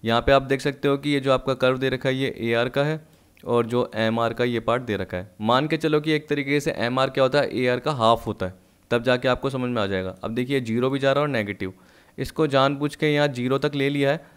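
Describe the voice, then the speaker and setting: A man teaching an economics lesson, explaining step by step and slowly reading out textbook lines in English. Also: mid-range voice, clear, resonant tone. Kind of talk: recorded online lesson.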